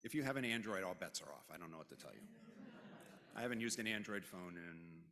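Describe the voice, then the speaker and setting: A man's voice: sits low, lively intonation, fast talker, creaky, pushed and bright. A man leading a religious service, giving conversational announcements with informal, joking asides. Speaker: service leader. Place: congregation's worship hall. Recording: long hall reverb.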